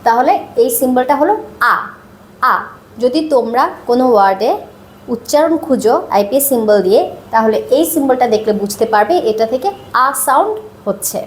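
A woman teaching a video lesson, speaking slowly and repeating sounds drill-style. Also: fairly high pitch, lively intonation, roomy sound, a little hiss or hum. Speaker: English teacher.

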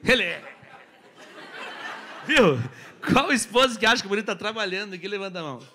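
A man from Brazil doing stand-up crowd work, teasing the audience loudly on a comedy club stage. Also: high-pitched, expressive, fairly quick, slight background noise. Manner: teasing, loud, jokey banter with the audience.

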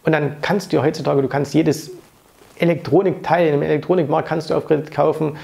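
This thirties-aged channel host and finance coach talks fast in a fairly high, steady voice that's creaky and a touch mellow. Wearing a lapel mic, he addresses the camera from an indoor office with framed pictures on the walls. His casual money advice is blunt and opinionated, peppered with fillers and tag questions.

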